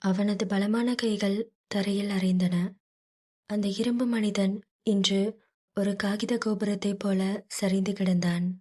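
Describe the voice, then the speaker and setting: A woman narrating a dramatic story in a low, hushed voice. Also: fairly even intonation, slow pace, long pauses.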